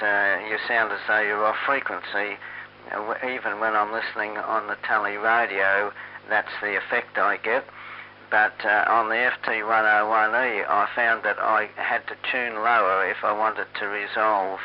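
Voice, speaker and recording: A man talks over a slightly mistuned AM ham radio signal, and the band is muffled and narrow. His voice sits low and stays fairly flat. He pauses often and fills the gaps with "uh" and "um" while he gets his thoughts together. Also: slight background noise. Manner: halting, with many filler sounds. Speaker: amateur radio operator. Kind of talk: on-air radio net chat.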